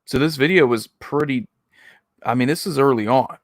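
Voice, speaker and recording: A man with an average-pitched voice gives casual reaction commentary. He rambles conversationally and is critical of himself. The recording is dry, with little room sound. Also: moderate pace, dry recording. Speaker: video host reacting to own old videos.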